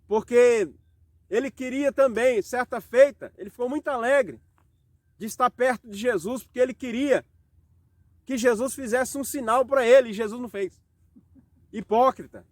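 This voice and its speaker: High-voiced Brazilian man preaching a sermon. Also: no room sound. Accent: Brazilian Portuguese. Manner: rhetorical questions, slow dramatic scripture reading. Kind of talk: home worship sermon.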